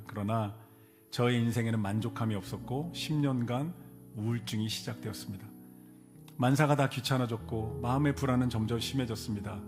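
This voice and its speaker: Male pastor, mid-pitched, emphatic sermon delivery, soft guitar underneath. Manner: preaching with rising emphatic peaks. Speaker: senior pastor. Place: church sanctuary.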